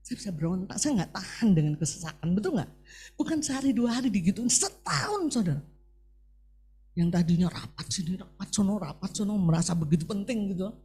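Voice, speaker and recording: A man's voice: sits high, brisk, breathy edge. A middle-aged male preacher giving a sermon, talking animatedly and often turning to the congregation with questions. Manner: animated, keeps addressing the congregation as "saudara".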